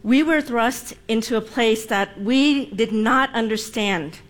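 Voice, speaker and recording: Delivering a prepared personal speech with deliberate emphasis, a woman in her forties speaks in a voice that is a little high. She was born in Vietnam, and Vietnamese is her first language.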